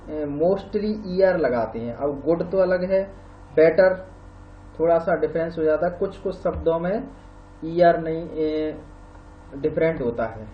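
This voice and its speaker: Guy teaching grammar real slow, repeats the words, bit high voice, echoey dull recording w faint hum. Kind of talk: grammar lesson.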